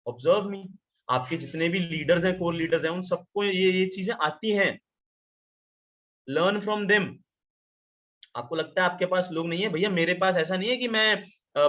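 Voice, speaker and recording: A man training a virtual meeting in Hindi mixed with English, animated and constantly asking his listeners questions. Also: high voice. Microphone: video call. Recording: lo-fi video call audio.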